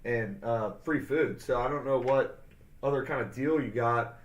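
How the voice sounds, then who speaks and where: A man's voice: mid-range voice, moderate pace. A man co-hosting a sports podcast in casual chat, trading laid-back, joking banter. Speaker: podcast co-host. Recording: roomy echo.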